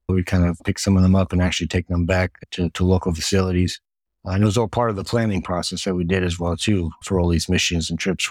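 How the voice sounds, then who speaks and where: Answering interview questions steadily, this guest, a middle-aged retired Air Force medic born in the United States whose first language is Hungarian, lists things and often repeats words. His voice is low-pitched and darkish, with no room sound.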